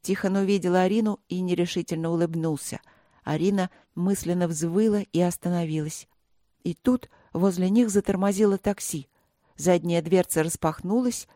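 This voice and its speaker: A woman narrating an audiobook with steady, even storytelling. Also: on the low side, moderate pace, dry recording, studio quality. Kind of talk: audiobook reading.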